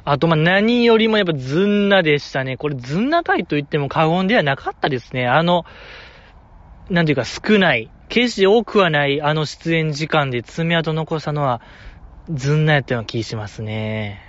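A man's voice: a little high, very animated, fairly quick, muffled recording. A man with a Kansai accent, talking alone as a fan commentator in a playful, joking, exaggerated way. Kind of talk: casual solo talk.

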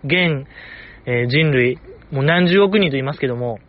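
A man's voice: mid-range voice, moderate pace. A man hosting a casual solo talk show, rambling with chuckles and mock-formal asides. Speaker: podcast host. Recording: slightly dull, dry recording.

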